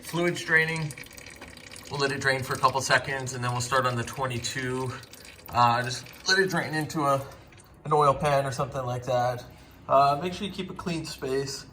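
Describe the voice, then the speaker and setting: Relaxed man talking through garage work. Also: medium pitch, normal speed, a little hiss or hum. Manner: relaxed, step-by-step, frequent fillers. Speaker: car DIY video host. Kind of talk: casual how-to narration while working. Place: home garage workshop.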